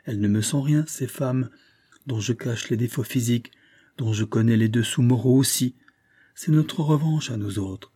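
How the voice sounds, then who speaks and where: A man's voice: medium pitch, moderate pace, dark tone, breathy edge, lightly acted. A man reading aloud voices a proud, worldly middle-aged woman dressmaker who speaks in a dry, knowing, confiding way.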